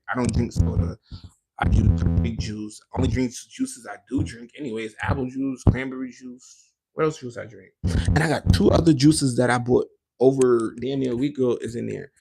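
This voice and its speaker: A man hosting a podcast, talking casually in a rambling, animated way with slangy asides and quoted voices. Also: fairly low pitch, creaky, slightly rough. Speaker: podcast host. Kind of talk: casual solo podcast chat.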